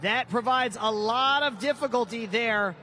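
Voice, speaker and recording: A man working as an event announcer, giving hyped live arena commentary at a motorsport show. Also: extremely high pitch. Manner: hyped, drawn-out shouted driver introductions. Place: outdoor stadium. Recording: loud outdoor stadium with engine noise.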